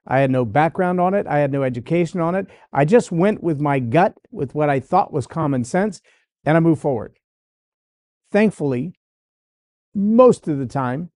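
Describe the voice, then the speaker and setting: A podcast host with a fairly high, mellow voice talks about leadership, emphatically repeating phrases as he builds lists. The recording is dry, with clean studio sound.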